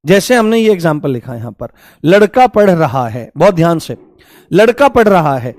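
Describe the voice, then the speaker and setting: Male teacher, fairly high voice, dry close sound, repeats examples and quizzes students. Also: big pitch swings, normal speed, a little mellow, no echo. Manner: repeats examples, coaxing students with rhetorical questions. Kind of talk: online grammar lesson.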